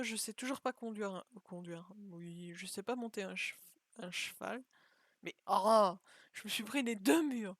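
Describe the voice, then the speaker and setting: A woman's voice: medium pitch, dry recording. A young woman chatting casually as she plays and comments on a video game, thinking aloud and joking at herself. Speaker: gaming video creator.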